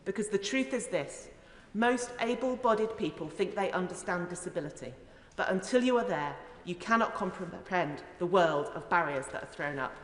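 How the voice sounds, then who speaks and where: A woman's voice: on the low side, expressive, moderate pace, few pauses. Echoey, emphatic woman addressing parliament. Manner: earnest, emphatic, rhetorical. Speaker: member of parliament giving a speech. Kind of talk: formal parliamentary debate speech. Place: large indoor parliamentary chamber. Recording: echoey, reverberant debating chamber.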